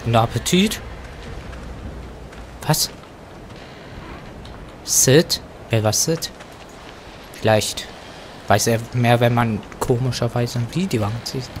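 A man commenting casually on a horror game as he plays it, joking to himself, dropping to whispers at tense moments and breaking into loud outbursts. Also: medium pitch, takes it slowly, long pauses, a little hiss or hum. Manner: joking running self-talk, sudden loud outbursts. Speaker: let's play gamer. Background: faint game music.

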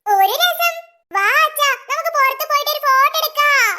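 A voice actor voicing a bubbly, eager little girl in an animated cartoon. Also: very high voice, normal speed, full character voice. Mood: excited. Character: excited little cartoon girl celebrating her birthday.

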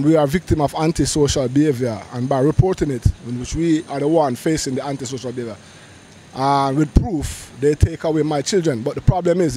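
A middle-aged man with a slightly high, dark voice shares a painful personal story in a street vox pop on a busy city street. Speaking urgently into a handheld interviewer mic held close, he often restarts his phrases, with faint traffic and street ambience behind him.

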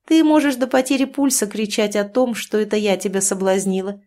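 A woman's voice: medium pitch, fairly even intonation, fairly quick, dark tone, close to an everyday voice. A woman reading an audiobook, voicing a scheming, sarcastic young woman who taunts her lover. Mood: mocking.

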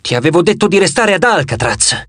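A man's voice: on the high side, very animated, a little fast, fairly bright tone, no room sound. A man voicing a tense, brooding young man who leads an army, in an audiobook, speaking curtly and grimly. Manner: curt, grim.

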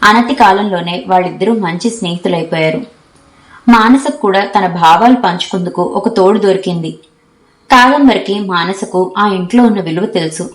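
A woman narrating an audiobook novel in a steady, even storytelling manner. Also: medium pitch, normal speed. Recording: echoey room.

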